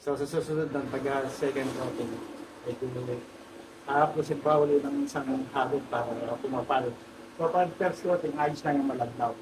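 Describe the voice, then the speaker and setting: A man's voice: mid-range voice, steady tone, moderate pace. A Filipino man giving a casual hands-on DIY demonstration, with machine noise behind him. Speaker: DIY vlogger demonstrating painting. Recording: roomy, distant mic, clear machine noise.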